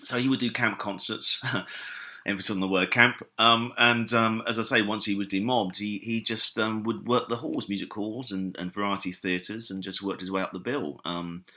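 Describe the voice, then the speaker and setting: A man's voice: on the low side, steady tone, moderate pace, pushed and bright. A British man, a comedy historian and author, answering interview questions in a casual, enthusiastic, rambling way with many fillers and restarts. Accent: British English. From Britain.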